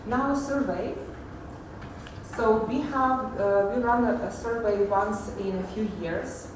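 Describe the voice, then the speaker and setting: A woman giving a technical conference presentation, pausing often with fillers and restarts. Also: a little high, background noise. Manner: hesitant, many fillers and restarts. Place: large echoey conference hall. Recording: echoey hall audio from far off.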